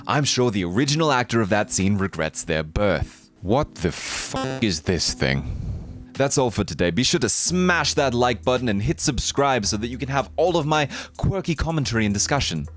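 A young man with a fake British accent doing a sarcastic comedic parody monologue as a YouTuber. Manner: mock-enthusiastic, sarcastic, jumps to shrill outbursts.

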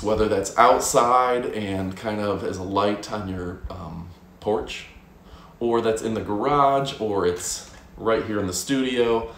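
A man in his thirties hosting a live product review from his home studio, upbeat and salesy, calling his viewers folks. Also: on the low side. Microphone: fixed camera, moves around the room. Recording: roomy home studio echo, faint noise.

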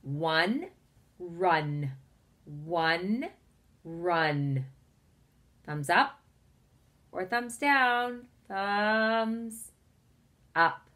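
Woman teacher, phonics lesson for young children; slow, deliberate, encouraging delivery. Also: lowish voice, animated, a bit bright. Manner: slow, carefully enunciated, encouraging.

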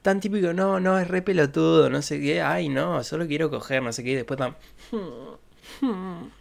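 A young man with an Argentine accent reacting to a reality show on stream, excitable and crude, often mimicking voices with sudden squeals. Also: fairly high pitch, a little fast, creaky, a crowd in the background. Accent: Argentine Spanish. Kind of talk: casual reaction commentary.

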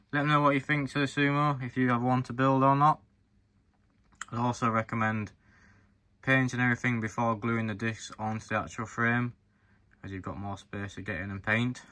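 Addressing viewers directly, the presenter of a farm model review channel gives a casual, explanatory hands-on review. His medium-pitched voice sounds pushed and bright.

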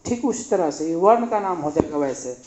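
Patient high-voiced male teacher, echoey room. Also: lively intonation, normal speed, background noise. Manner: patient, repeats sounds and asks questions back to the listener. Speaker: Hindi grammar teacher. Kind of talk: classroom-style lesson. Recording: echoey room, slightly dull sound.

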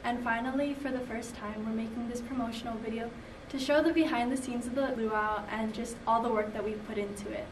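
A woman's voice: a little high, fairly even intonation, brisk. A young woman from Honolulu, a college student, upbeat as she describes club promotions in a promo video interview. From Honolulu, Hawaii. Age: young adult. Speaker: student club public relations chair. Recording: echoey room, distant mic, noise.

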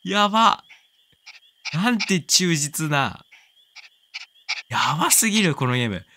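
Excitable man with a lively voice. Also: fairly high pitch, slow pace. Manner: excitable, exclaims often, coos at the pet. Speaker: game commentator. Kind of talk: casual let's-play commentary.

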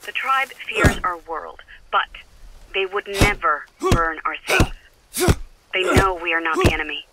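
A woman's voice: lowish voice, big pitch swings, a little slow, very noisy. An actress voicing an anxious, caring woman in a video game who talks a man through trouble over a radio link. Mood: firm. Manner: worried, soothing, caring.

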